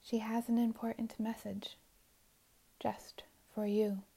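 A woman guiding a meditation in a soft, soothing voice, often drifting into whispers. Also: fairly high pitch, level tone, takes it slowly, gravelly, slightly rough. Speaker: meditation guide. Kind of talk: guided meditation narration.

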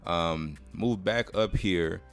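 A man's voice: low voice, slow, soft background music. A man from Cameroon, a videographer guest on a podcast, talking about his background in a laid-back, reflective way. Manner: laid-back, reflective, frequent "you know what I'm saying". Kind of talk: casual chat.

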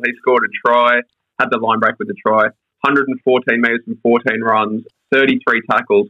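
A man's voice: on the low side, no echo, dull audio. An Australian man hosting a casual sports discussion, running through stats in a matey, slangy way. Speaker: rugby league podcast host.

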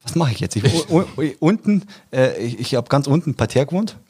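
A young man tells a funny story among friends, breaking into laughter and restarting his sentences. His pitch rises and falls a lot, and his voice is a little husky. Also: a little fast. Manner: laughs often, restarts, animated. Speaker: storyteller in group chat. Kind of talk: casual chat, telling a funny story.

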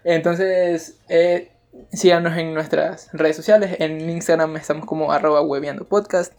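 A man's voice: a little high, steady tone, normal speed, darkish tone. Young male podcast co-host, crude joker, reads items aloud, laughs between them. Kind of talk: casual joking chat, reading out news tips.

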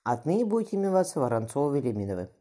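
A woman's voice: a bass voice, sing-song, racing, dark tone, pitched above the performer's own voice, full character voice. A woman voicing an old, limping tsar who speaks with heavy, mocking authority.

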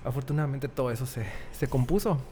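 A man's voice: medium pitch, fast, warm tone, slight background noise. A young man with a Mexican Spanish accent, telling a personal story in a casual chat and laughing often. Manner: chatty, laughs often, acts out quoted voices.

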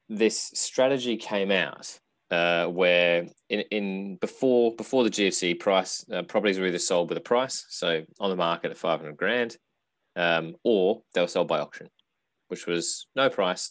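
A man hosting a casual podcast conversation, relaxed and thoughtful, talking things through at length. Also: low-pitched, normal speed, no room sound. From Australia. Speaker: podcast host.

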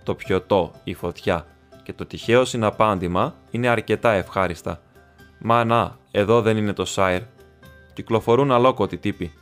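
Man reading as a low-voiced, stern ranger. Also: soft background music. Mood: guarded. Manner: low, quiet, measured. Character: grim weathered male ranger, guarded and stern.

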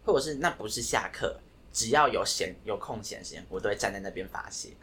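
A young man with a Taiwanese Mandarin accent, a guest in a casual chat, telling stories in an animated way and apologizing sheepishly. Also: fairly low pitch, fast talker, a little hiss or hum.

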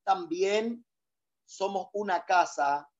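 A man's voice: high voice, takes it slowly, lo-fi sound. A male pastor preaching a sermon, leading call-and-response and repeating key phrases for emphasis.

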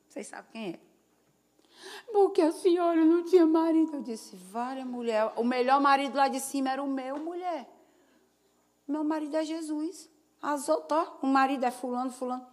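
A woman pastor delivers a sermon to a congregation with a slightly high voice. She preaches in a folksy, chatty style and wanders into homely stories and asides. She keeps calling out to the crowd for an answering amen. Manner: call-and-response, asking the congregation "Amém?". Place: church service before a congregation.

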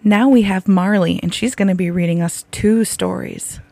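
A woman with a raspy, gravelly voice, hoarse from laryngitis, hosting a podcast and gently prompting young guests with simple, encouraging questions. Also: medium pitch, normal speed, faint music behind. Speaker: podcast host, school teacher or librarian. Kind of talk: friendly podcast interview with children.

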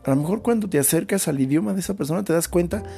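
A man's voice: high voice, very fast, vocal fry, dark tone, faint music behind. A Mexican man hosting a podcast, talking through a casual, thoughtful monologue with slangy asides. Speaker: podcast host. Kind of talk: reflective monologue.

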